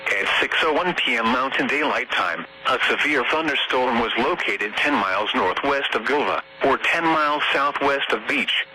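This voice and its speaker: A man's voice: mid-range voice, bright, forceful tone. A man's synthetic, stilted weather radio voice reading a scripted emergency warning over a noisy, muffled radio broadcast.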